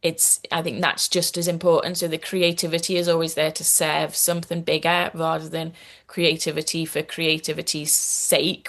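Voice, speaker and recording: Earnest Scouse woman, low-ish voice. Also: a bit bright. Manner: earnest, explains at length with many restarts. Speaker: guest, activist and author. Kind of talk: podcast interview.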